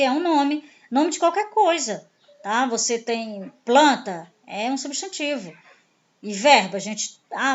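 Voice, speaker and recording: A woman with a Brazilian Portuguese accent teaches a grammar lesson in a fairly high voice. She walks through each point and answers her own questions as she goes. The recording sounds dull and lo-fi.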